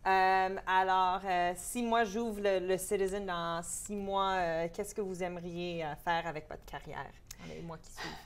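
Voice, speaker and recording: A woman with a Canadian French accent, a local councillor hosting a casual interview. She talks in a lively way and drops English words into her French. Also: on the low side, a little slow, few pauses, smooth.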